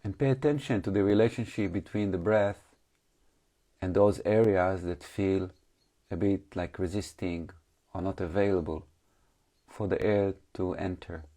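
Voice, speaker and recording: Sitting low in pitch, a man's voice guides listeners through meditation as their teacher. He instructs calmly in short, pause-filled phrases, with English that sounds slightly non-native.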